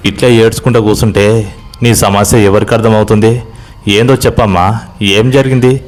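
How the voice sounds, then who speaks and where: A man voicing a pushy village man with a Telangana accent who asks loud, urgent questions. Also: on the low side, steady tone, normal speed, faint music behind, lightly acted. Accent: Telangana Telugu. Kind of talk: horror story voice acting.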